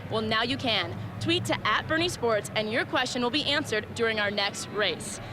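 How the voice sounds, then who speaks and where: A woman's voice: a little high, expressive, normal speed. A woman working as a motorsport pit reporter, delivering presentational broadcast reports and questions. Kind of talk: scripted broadcast reporting and interviewing. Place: outdoors at a racetrack. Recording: noisy outdoor trackside sound.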